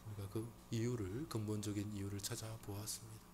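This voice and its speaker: Preaching man, loud then hushed. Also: fairly low pitch, level tone, background noise. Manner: swings from loud exclamations to hushed, slow emphasis; asks rhetorical questions. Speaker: pastor. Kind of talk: Sunday sermon.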